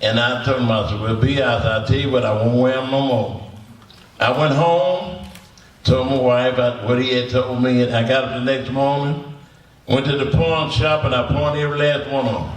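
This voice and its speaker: A man's voice: mid-range voice, moderate pace. Bluesman in his 80s, folksy rambling tales, kinda far from the mic. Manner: folksy, repetitive, chuckling storyteller. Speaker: panelist blues musician. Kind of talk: storytelling to an audience. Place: symposium hall. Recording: echoey room from far off.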